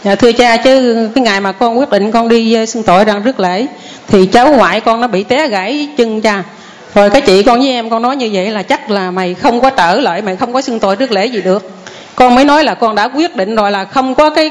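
An older woman giving a rambling, earnest spoken testimony to a priest. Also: on the high side.

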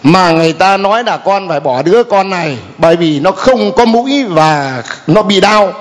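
An older man telling a halting, hesitant personal testimony to a priest at a church gathering. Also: high voice, lively intonation. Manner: hesitant, halting with many fillers. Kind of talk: spoken testimony. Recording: long hall reverb.

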